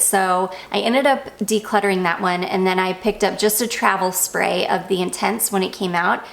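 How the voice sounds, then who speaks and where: A woman's voice: mid-range voice, vocal fry. A young woman chatting casually about perfumes she loves, gushing and drifting off on tangents. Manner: gushing, goes off on tangents, self-deprecating. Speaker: perfume reviewer. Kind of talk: casual review chat.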